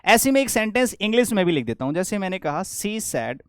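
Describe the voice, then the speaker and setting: A man teaches grammar in a high, clear voice. He explains step by step and repeats his questions back to the class. The recording is dry and close. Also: very animated, fast talker, no room sound. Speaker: English teacher.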